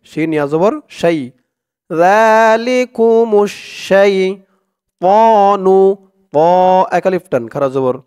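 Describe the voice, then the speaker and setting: Smooth-voiced man teaching Quran recitation. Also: darkish tone. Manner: chants Arabic verses slowly and higher, explains rules quickly in a lower voice. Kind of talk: Quran reading lesson, slow chanted recitation between quick explanations.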